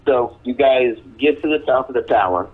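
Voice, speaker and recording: A man's voice: mid-range voice, moderate pace. A man casually narrating a tabletop role-playing game as the game master. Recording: tinny, narrow radio-like voice channel.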